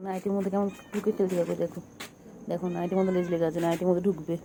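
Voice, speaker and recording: A woman's voice: lowish voice, level tone, racing, noisy background. A woman at home talking baby talk to her cat, cooing, repeating pet words and scolding it playfully while filming on a phone. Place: at home, indoors.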